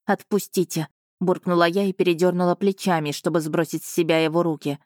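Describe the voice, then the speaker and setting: Female audiobook narrator, low and measured, dry booth sound. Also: fairly even intonation, no room sound. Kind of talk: first-person audiobook narration.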